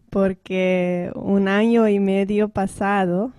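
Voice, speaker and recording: Speaking extremely slowly, this guest singer from the Netherlands works through learner's Spanish in brief phrases, stopping for translation and laughing frequently. Her voice sits at medium pitch with fairly even intonation and a dark tone, recorded dry and clean in a studio.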